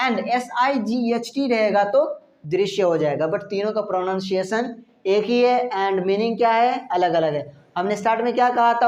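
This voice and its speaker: A woman teaching a spoken English lesson, spelling words out letter by letter and asking her listeners rhetorical questions. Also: on the high side. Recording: echoey room.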